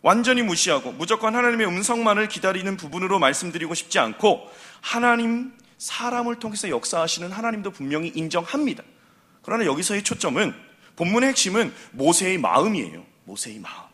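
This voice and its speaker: A middle-aged man preaching a sermon as a pastor, animated and acting out the voices he quotes. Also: high voice, a little fast.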